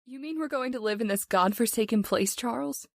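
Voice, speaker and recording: A woman's voice: a little high, a little fast, no echo. A woman playing an anxious, submissive wife in an old-time radio horror drama. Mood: uneasy, complaining. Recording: clear background noise, ambience.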